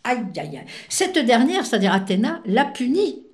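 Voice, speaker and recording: A woman's voice: on the high side, sing-song, moderate pace, reverberant. A woman presenting films on the radio in a playful, chatty, teasing way. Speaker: radio film columnist. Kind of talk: casual radio chat.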